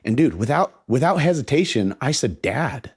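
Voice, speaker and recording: A man in his fifties with a voice of middling pitch talks as a guest in an easygoing interview. He sounds earnest and heartfelt. He often repeats a word or two as he restarts a thought. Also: lively intonation, moderate pace. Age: 50s. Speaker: podcast guest. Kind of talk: casual interview talk.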